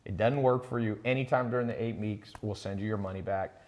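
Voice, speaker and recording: A chatty man with a fairly low voice hosts a live online pitch, talking loosely and bragging a little as he greets viewers by name. His voice hangs in a long reverb. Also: steady tone, brisk, a little mellow. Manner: chatty, boastful, reads out viewer names. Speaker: host of a live online sales talk. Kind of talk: casual live-stream pitch.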